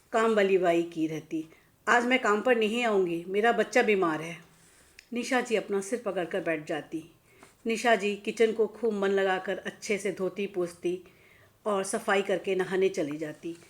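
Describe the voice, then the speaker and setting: A woman reads her own short story aloud in a plain, measured storytelling manner. Her voice sits at a middle pitch for a woman and moves along steadily from line to line. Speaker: author reading her story. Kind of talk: storytelling narration.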